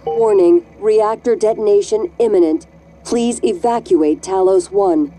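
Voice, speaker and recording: A woman voicing a calm female space station computer, giving measured announcements over a station loudspeaker. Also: medium pitch, slight background noise.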